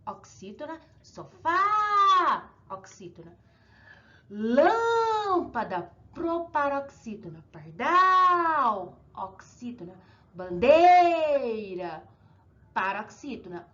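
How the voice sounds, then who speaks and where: A woman's voice: on the high side, fairly bright tone, lo-fi sound. Sing-song Brazilian woman teaching children. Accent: Brazilian Portuguese. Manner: sing-song, drawn-out words, many check-ins. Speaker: primary school teacher. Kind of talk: recorded classroom lesson for children.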